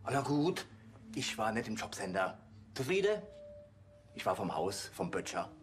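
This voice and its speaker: An actor playing a defiant, defensive suspect under questioning. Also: male voice, fairly low pitch, big pitch swings, moderate pace, soft background music.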